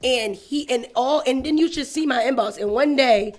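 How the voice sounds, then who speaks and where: This Boston woman co-hosts a morning radio talk show, chatting in a blunt, passionate, colloquial way with a Boston accent. Her voice sits high with a darkish tone, moving at normal speed.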